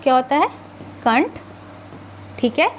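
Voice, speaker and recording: Drawing out sounds slowly to show how they're said, a Hindi grammar teacher asks her class questions, answers them herself, and often adds a tag question. Her high voice is sing-song, with slight background noise.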